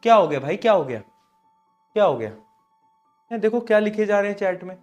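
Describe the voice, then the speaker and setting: A young man teaching a live online class while unwell with a sore throat, scolding students loudly and then dropping to a soft, low voice. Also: animated, fairly quick, faint music behind. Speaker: online tutor.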